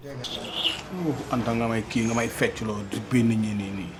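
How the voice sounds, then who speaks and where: An actor playing a young man bickering with his girlfriend in a TV series, complaining in an animated way. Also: medium pitch, measured pace, noisy background, lightly acted. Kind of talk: TV series dialogue.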